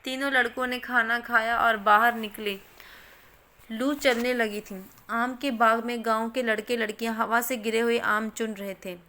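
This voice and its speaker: A woman narrating a classic short story in a steady, measured reading voice. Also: a little high. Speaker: story reader.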